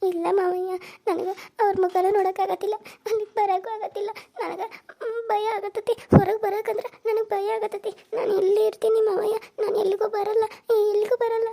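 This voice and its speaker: A woman's voice: very high voice, flat delivery, brisk, dark tone. A woman voicing a tearful, frightened young woman in a cartoon serial. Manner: tearful pleading.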